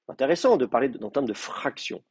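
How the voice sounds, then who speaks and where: Male lecturer, slightly raspy, mid pitch, recorded dry; explains step by step with many fillers. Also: big pitch swings, quick pace, a little mellow, dry recording. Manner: thinking aloud with many hesitations; explains terms patiently, writing them out for the class. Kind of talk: university lecture. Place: classroom.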